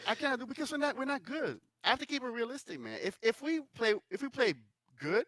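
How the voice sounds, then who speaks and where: A man's voice: very high voice, very animated, quick pace, a bit bright, dry recording, clean studio sound. A young man co-hosting a casual football chat, blunt and emphatic, often laughing.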